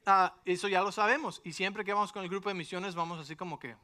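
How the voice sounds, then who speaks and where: Bright-voiced animated pastor. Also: male voice, sits high, quick pace. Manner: animated storytelling with frequent rhetorical asides. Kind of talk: sermon with personal story.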